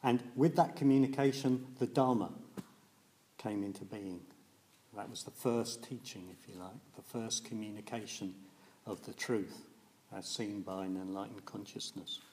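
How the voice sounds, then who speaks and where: A man's voice: lowish voice, fairly even intonation, normal speed, dark tone, slight background noise. A man giving a reflective Buddhist dharma talk, hesitant and thoughtful, with many fillers. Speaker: Buddhist teacher.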